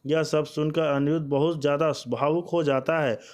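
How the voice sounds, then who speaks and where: A man's voice: on the high side, level tone, moderate pace, a little mellow. Man narrating a serial recap. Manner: addresses viewers as friends, reads out characters' lines.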